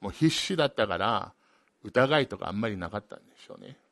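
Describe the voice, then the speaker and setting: A man preaching a sermon as a pastor, switching between two languages and swinging from loud emphatic peaks to quiet asides. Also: on the low side, animated, quick pace, no echo, studio quality. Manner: alternates each point between two languages. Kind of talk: bilingual sermon.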